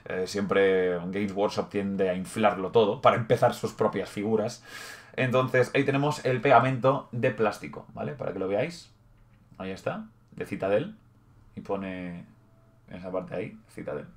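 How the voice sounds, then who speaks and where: A man's voice: fairly low pitch, moderate pace. A young man from Spain with a Spain Spanish accent, hosting a casual hobby vlog in a chatty, rambling way, often correcting himself and swearing offhandedly. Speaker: channel host.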